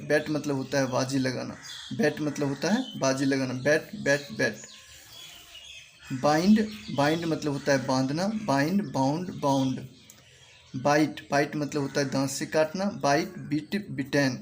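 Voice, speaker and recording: A man with an Indian accent teaching English verbs, saying each word slowly and repeating it to drill pronunciation. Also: fairly high pitch. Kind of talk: spoken language lesson. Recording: faint background noise.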